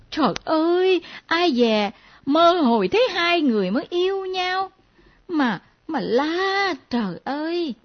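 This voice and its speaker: A woman playing an excitable young adult daughter who exclaims and teases. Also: very high voice, full character voice. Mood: teasing. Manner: quick, exclaiming, teasing. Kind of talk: radio drama acting. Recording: dull lo-fi recording.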